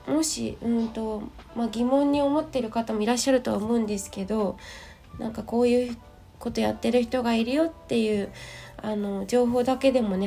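A woman host speaks in a gravelly, croaky voice, hoarse from having just woken up. Her pitch sits fairly high and her tone is soft-edged and mellow. She chats politely and loosely, thinking aloud as in a casual audio diary. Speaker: host of a personal audio show and tea and clay teacher. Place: at home. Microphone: smartphone.

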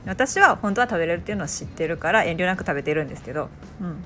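A woman, a mother hosting a casual spoken monologue, telling a lively story with laughs and acted-out quotes. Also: lowish voice, rapid-fire, faint music behind. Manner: chatty, animated storytelling with quoted voices and laughs. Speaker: podcast host, mother.

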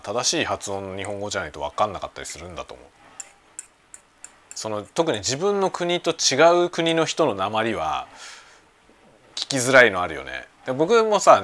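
A man hosting a casual chat show, talking in a relaxed, rambling way over lunch at home. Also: medium pitch. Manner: relaxed rambling talk while eating lunch. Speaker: podcast host. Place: home kitchen with everyday sounds. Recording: faint household background noise.

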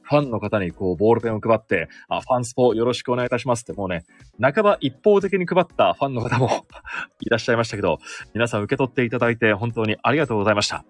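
A man's voice: medium pitch, lively intonation, rapid-fire, no echo, soft background music. A sports announcer in his thirties hosting a solo podcast, chatting casually and self-deprecatingly about his work. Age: 30s. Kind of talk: casual solo radio-style chat.

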